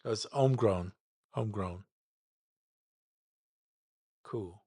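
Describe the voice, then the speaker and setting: A man hosts a live stream, casually chatting while demonstrating a mix. His voice is fairly low and darkish, with fairly even intonation at a moderate pace, captured in a dry, studio-quality recording. Easygoing, he stumbles over names and repeats them as he figures them out.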